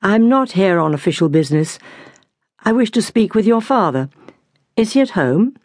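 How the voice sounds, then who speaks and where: A woman's voice: medium pitch, lively intonation, moderate pace, a little mellow, no room sound, studio quality. A woman voicing a polite young British officer. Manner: courteous, formal.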